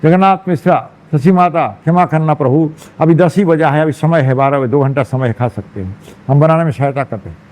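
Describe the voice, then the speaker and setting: A man's voice: a little high, fairly quick, a little mellow, lightly acted. A man voicing a humble old householder who apologizes and pleads. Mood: pleading.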